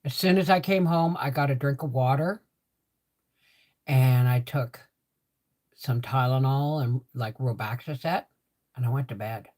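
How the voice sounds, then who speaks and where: A woman's voice: very deep voice, measured pace, long pauses, a little mellow. An older woman chatting casually to viewers in a rambling way, repeating herself, her speech affected by a swollen, sore mouth after having teeth pulled. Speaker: livestream host.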